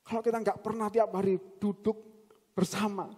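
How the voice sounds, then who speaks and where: High-voiced preacher man in a big hall. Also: moderate pace, slightly rough. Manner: animated preaching, swings from loud emphatic bursts to quiet recitation. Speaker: pastor. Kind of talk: sermon. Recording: long reverb of a big hall.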